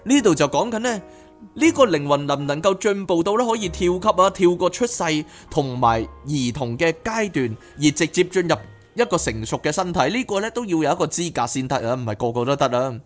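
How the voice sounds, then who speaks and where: A man with a voice a bit higher than typical for men reads from a book, breaking off now and then into lively, chatty commentary at a slightly quick pace. He's hosting a podcast, and soft music plays faintly in the background.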